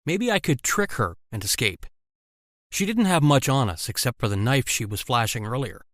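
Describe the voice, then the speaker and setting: Man, first-person story narration, wry, animated pitch, dry close sound. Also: normal speed, dry recording.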